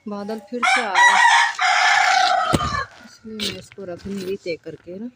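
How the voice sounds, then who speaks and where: A Pakistani-accented mother talks her viewers through a home repair in a chatty, explanatory vlog voice, pitched right in the middle for a woman. She keeps checking in as she goes. The recording is noisy and has clicking sounds, taken outdoors at home. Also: measured pace. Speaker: vlogger and mother.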